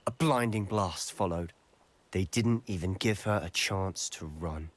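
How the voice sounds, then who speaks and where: An actor playing an earnest young male wizard student, in video game dialogue. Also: deep voice. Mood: somber. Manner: earnest, measured storytelling.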